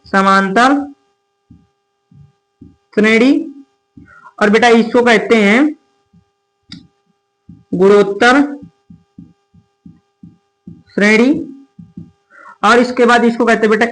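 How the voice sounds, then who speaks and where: A man with a high voice teaches a maths class, explaining step by step. He keeps calling his students "beta" and checking whether they follow. His stays steady throughout. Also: rough recording. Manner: calls students "beta", checks understanding often.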